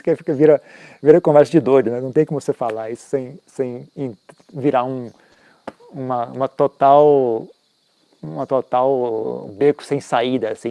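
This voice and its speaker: A man's voice: mid-range voice, warm tone, dry recording. A man teaching Buddhism in an informal, conversational talk, often tagging his sentences with questions and making self-mocking asides.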